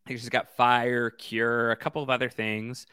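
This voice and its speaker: Bright, clear-voiced man chatting casually. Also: mid-range voice, normal speed, no room sound, clean studio sound. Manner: chatty, many fillers, animated when quoting. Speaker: podcast co-host. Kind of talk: casual podcast chat about a video game.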